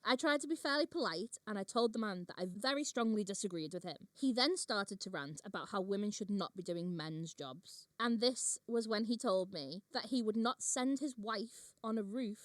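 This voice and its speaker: A woman's voice: medium pitch, normal speed, hardly any pauses, dry recording, clean studio sound. A woman co-hosting a podcast, telling stories and reading listener messages in a casual, laughing way. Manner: animated storyteller, laughs often. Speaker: podcast co-host.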